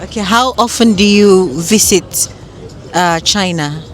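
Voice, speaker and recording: A woman's voice: mid-range voice, unhurried. A woman interviewing passers-by on a city street, upbeat with short prompts.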